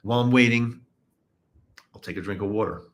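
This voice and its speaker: Speaking in a lowish, brisk voice, a middle-aged man from the US East Coast hosts a live podcast at home in Utah. He chats casually with listeners in a rambling way, frequently repeating himself and starting sentences over.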